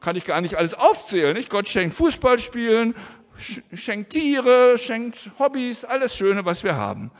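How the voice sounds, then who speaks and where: A man's voice: very high voice, sing-song, unhurried, long reverb tail. A man preaching a family sermon to children and adults in a church, using simple, friendly words for the children. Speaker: pastor.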